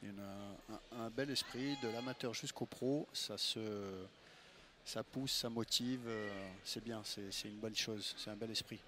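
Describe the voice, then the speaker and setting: A man's voice: fairly low pitch, fairly even intonation, unhurried, background noise. A man giving conversational expert fight commentary as a coach, often repeating phrases for emphasis. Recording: live commentary over music.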